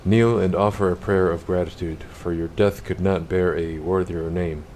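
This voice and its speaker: A man reading aloud the lines of a cruel male chaos sorcerer, a boastful dark apostle, in loud, grandiose proclamations. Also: low voice, steady tone, moderate pace, slight background noise, natural voice, rough recording. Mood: menacing.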